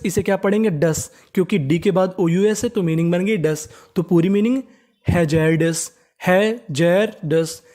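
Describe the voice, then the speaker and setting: Teacher drilling English spelling, mid-pitched. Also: darkish tone. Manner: asks questions of the viewer and answers them, drill style; slowly repeats each target word several times. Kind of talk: spoken lesson spelling out English words in Hindi.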